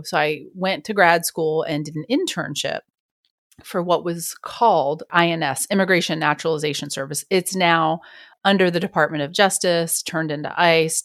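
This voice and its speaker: A middle-aged woman, a retired police detective, talks through her career in a chatty, candid interview style. Her voice sits low for a woman. The recording is dry and close, with no room around it. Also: fairly bright tone, dry recording. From New York. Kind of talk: casual interview conversation.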